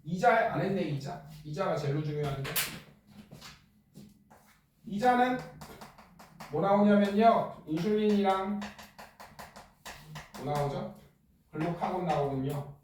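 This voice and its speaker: A middle-aged male teacher lecturing a class in a joking, blunt way and firing quick questions at students. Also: high-pitched, animated, a little mellow, slight background noise. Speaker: middle school science teacher. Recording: echoey classroom from far off.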